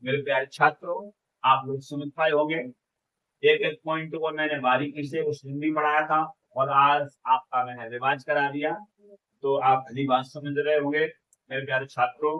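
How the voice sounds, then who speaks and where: A male Hindi teacher giving an exam-prep lecture, asking questions and answering them himself, stretching vowels to demonstrate, and warmly addressing his students. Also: a little high, little pitch movement, moderate pace, narrow, tinny audio.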